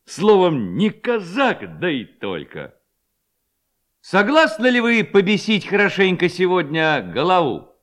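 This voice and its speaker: A man voicing a swaggering young village reveller who rouses his friends, boisterous and loud. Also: medium pitch, very animated, measured pace. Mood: rowdy. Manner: boisterous, rabble-rousing.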